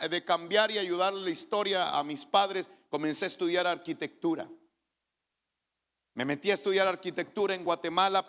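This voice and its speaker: A man's voice: high voice, fairly bright tone. A man, a pastor giving an earnest personal testimony in a sermon, often restarting his phrases. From Chile. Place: church. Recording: reverberant church hall.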